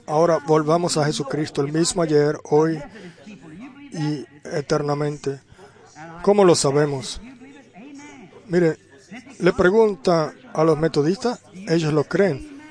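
A man's voice: fairly high pitch, a little mellow. A man preaching a sermon, telling a story and putting rhetorical questions to the congregation. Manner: unhurried, with drawn-out pauses.

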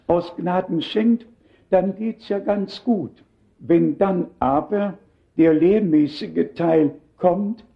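A man's voice: high voice, gravelly, lo-fi sound. An older man preaching a sermon in earnest, emphatic tones, turning now and then to talk straight to the congregation.

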